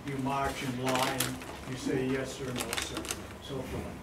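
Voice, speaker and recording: An older man reminisces about his service in a wry, plain-spoken way. He sits away from the mic, in an echoey hall with steady noise behind him. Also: mid-range voice, a little slow, far from the mic. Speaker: veteran guest speaker.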